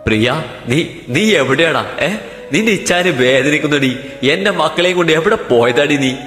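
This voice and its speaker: A man's voice: fairly high pitch, animated, moderate pace, fairly bright tone, faint music behind. A man voicing a young man torn between grief and rage, crying out with a trembling voice, in an echoey room. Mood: anguished. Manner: cries out, voice trembling. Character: young man, enraged, grief-stricken lover. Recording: echoey room with long reverb.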